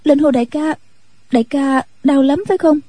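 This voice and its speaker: A woman voicing a timid, gentle young nun who pleads anxiously in an audiobook. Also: steady tone, soft background music, lightly acted. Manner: higher, pleading, rushed voice.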